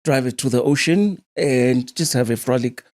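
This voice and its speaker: A South African man co-hosting a relaxed podcast, with a voice of ordinary middle pitch. He tells stories with animation, laughs often and backs up to restart his sentences. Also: moderate pace. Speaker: podcast co-host. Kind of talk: casual chat.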